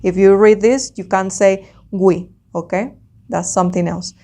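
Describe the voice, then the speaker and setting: A woman whose first language is Spanish teaches slowly, as if dictating, repeating each word and sound deliberately for the learner. She has a Spanish accent and a mellow, mid-range voice with fairly even intonation.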